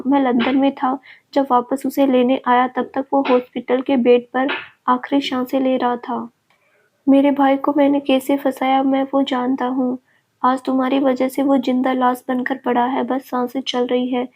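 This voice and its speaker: A woman voicing a bitter, contemptuous young man with a harsh, accusing manner. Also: high voice. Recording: dull lo-fi recording.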